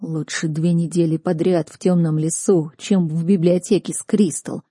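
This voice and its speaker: A woman's voice: on the low side, steady tone, normal speed, warm tone, husky, no room sound, studio quality. A woman reading an audiobook, voicing a guarded young male student mage who speaks tersely.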